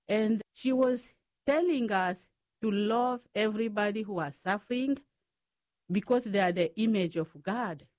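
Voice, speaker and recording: Slow-speaking Congolese-born woman. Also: medium pitch, a little mellow, no echo, studio quality. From Democratic Republic of the Congo. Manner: slow, careful storytelling. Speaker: guest, Franciscan sister. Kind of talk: radio interview.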